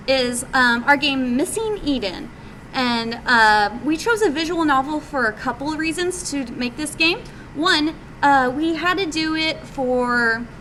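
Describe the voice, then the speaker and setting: A woman with a high-pitched, sharp voice presents her indie game work to attendees at a live group meeting, speaking hesitantly and conversationally with casual phrasing. The recording, made at the meetup, is poor and carries background noise.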